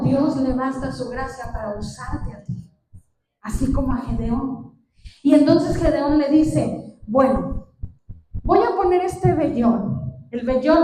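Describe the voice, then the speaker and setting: A woman preaching a sermon, retelling a Bible story and putting questions to the congregation. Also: high-pitched. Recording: echoey hall, distant mic, faint noise.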